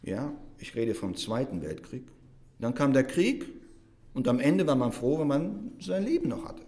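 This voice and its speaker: A man preaching a sermon to his congregation. He talks with animated emphasis, swings between loud stressed phrases and quiet asides, and keeps checking in with a "ja?". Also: mid-range voice, unhurried.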